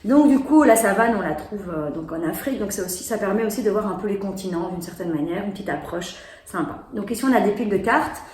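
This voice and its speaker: A woman's voice: medium pitch, animated, fast, darkish tone. A woman casually presenting and demonstrating children's board games, explaining as she plays. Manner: chatty, explaining while playing. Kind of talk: casual product demo. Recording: echoey room with faint noise.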